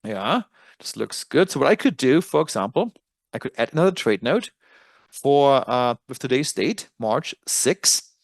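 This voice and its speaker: A man's voice: mid-range voice, big pitch swings, measured pace, creaky, no room sound. A man with a German accent presenting a trading dashboard in a webinar, walking through features in a casual, self-correcting way. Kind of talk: software tutorial walkthrough.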